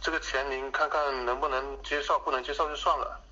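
A man talking over the phone in a brusque, impatient way, like a broker pitching a service. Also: steady tone, fairly quick, bright, forceful tone. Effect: heard over the phone. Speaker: college admissions broker taking a phone call. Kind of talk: phone conversation, giving a sales pitch. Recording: muffled noisy phone line.

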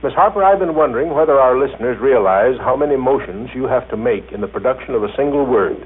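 A man's voice: medium pitch, animated, quick pace, husky. A man asking questions in a formal, scripted 1930s radio interview. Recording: tinny, band-limited 1930s radio recording.

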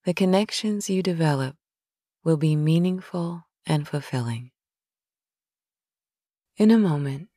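A woman reading a guided sleep hypnosis in a slow, soothing, soft manner, with some phrases whispered. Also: deep voice, dry recording, clean studio sound.

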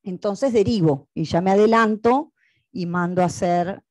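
A woman's voice: medium pitch, moderate pace, no echo, studio quality. A woman, a speech therapist giving a lecture on a case study and posing rhetorical questions to her audience.

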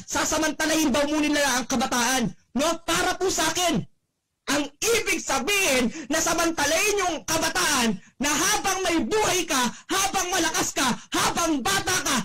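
A young man giving a motivational testimonial speech, exclaiming and shouting, often tagging his lines with a questioning "no?". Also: very high voice, very noisy. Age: young adult. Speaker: network marketing speaker giving a testimonial.

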